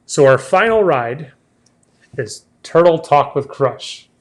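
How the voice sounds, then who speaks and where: A man's voice: on the high side, animated, takes it slowly. Chatty man hosting a travel talk. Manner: chatty, restarts sentences often. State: has the hiccups. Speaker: travel show host. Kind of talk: casual chat.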